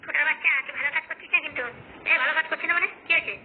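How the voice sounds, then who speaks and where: Woman voicing bickering cartoon villagers: high, breakneck, scolding, tinny phone-band sound. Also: steady tone, slight background noise, lightly acted. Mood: bickering banter. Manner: rapid, scolding, rustic banter. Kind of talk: Bengali cartoon dialogue.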